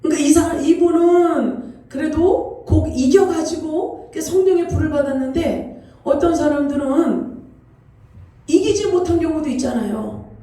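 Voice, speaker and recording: High-voiced woman pastor preaching in an echoey hall. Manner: animated storytelling, tossing questions to the congregation. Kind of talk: sermon. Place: church sanctuary. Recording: echoey church hall, distant mic.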